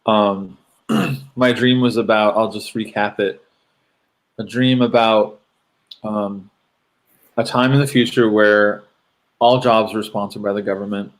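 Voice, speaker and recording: A man, a show co-host, recounting a strange dream in a casual, rambling way with many pauses and fillers. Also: lowish voice, steady tone. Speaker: podcast co-host.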